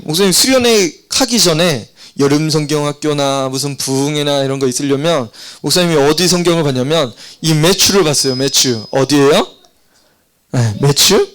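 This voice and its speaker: A middle-aged male pastor preaching a lively sermon to children, asking the congregation questions and having them repeat after him. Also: on the high side. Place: church hall.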